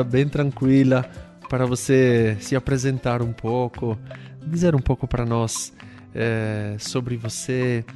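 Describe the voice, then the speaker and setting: A man hosting an interview podcast, narrating and asking questions in calm, measured phrases. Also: mid-range voice.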